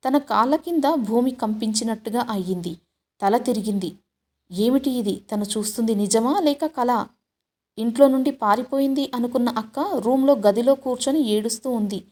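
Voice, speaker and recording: A woman telling a scripted story in steady, dramatic narration. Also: a little high, moderate pace.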